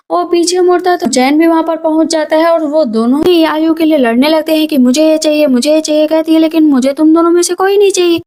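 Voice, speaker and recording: High-voiced woman briskly retelling a drama. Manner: quick, lively retelling, dropping quoted lines into the narration. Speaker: movie recap narrator. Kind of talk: storytelling plot recap.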